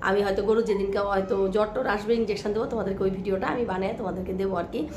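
A hoarse woman vlogging by a cowshed, chatting affectionately with her viewers and often asking if they follow. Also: medium pitch, steady tone, very fast, darkish tone. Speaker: village life vlogger. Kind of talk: casual vlog chat to viewers.

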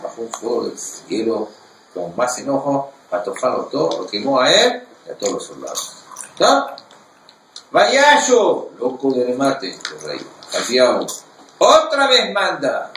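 A man teaching a Torah class, reading verses in Hebrew and explaining them in an animated way. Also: mid-range voice, moderate pace, creaky, roomy sound, distant mic, a little hiss or hum, low-quality recording.

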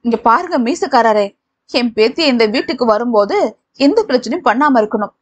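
A woman voicing a feisty old grandmother who quarrels loudly and dramatically. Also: expressive. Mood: quarreling. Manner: shrill, quarrelsome, quick.

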